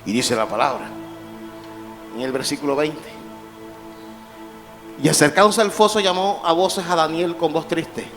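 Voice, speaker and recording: A man with a high, ringing voice preaches in a church sanctuary, moving between quiet scripture reading and shouted calls to the congregation. The sound carries the long reverb of a big hall, with soft music underneath. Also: unhurried, long pauses. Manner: preaching with call-and-response, rising to shouts. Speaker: pastor. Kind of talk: sermon.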